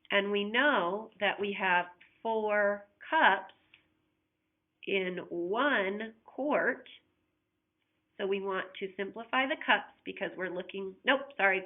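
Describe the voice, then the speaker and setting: A woman math teacher patiently walking students through unit conversions step by step, with a recurring cough. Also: medium pitch. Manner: patient, talks through each step, asks students to check along. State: coughing repeatedly. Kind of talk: recorded flipped-classroom math lesson. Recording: tinny, phone-like audio.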